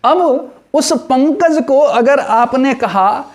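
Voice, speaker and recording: A man gives a pronunciation lesson at an unhurried pace. He breaks words into separate syllables and repeats each sound again and again. His voice sits high and swings widely in pitch. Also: lively intonation. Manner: slow, drawn-out syllables, repeats sounds many times; acts out little scenes in changed voices. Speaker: teacher.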